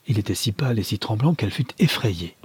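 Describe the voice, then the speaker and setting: A man narrates a classic novel in a measured, literary way. His voice is low, dark and husky, and the close recording is dry and free of room sound. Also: lively intonation, no room sound. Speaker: audiobook narrator. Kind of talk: scripted audiobook narration.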